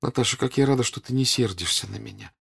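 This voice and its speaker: A man's voice: mid-range voice, fast talker, gravelly, fairly bright tone, slightly rough, full character voice. A man reading an audiobook and voicing an earnest young woman who presses with worried questions.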